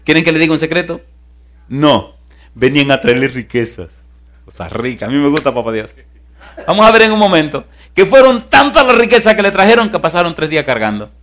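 A male pastor giving a sermon, moving between loud rousing calls and hushed storytelling. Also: a little high, sing-song, a little fast.

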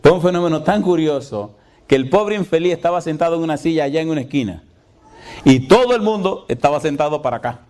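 A man's voice: a little high, expressive, fast, darkish tone. A middle-aged man, a pastor delivering an emphatic sermon. He asks the congregation rhetorical questions and acts out the dialogue of his story.

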